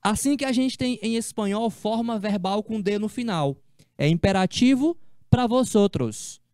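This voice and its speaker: Man, Portuguese-speaking teacher, slow and deliberate, warm mellow tone, dry close sound. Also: high voice, smooth, no echo. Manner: slow, repetitive explaining with casual asides. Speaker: Spanish teacher. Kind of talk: online class lecture.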